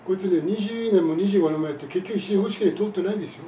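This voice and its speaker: A man's voice: sits high, rapid-fire, warm tone. A man who teaches English, telling a scornful, indignant story to camera as a lesson. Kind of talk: monologue lesson and complaint to camera. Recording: echoey room, distant mic, faint noise.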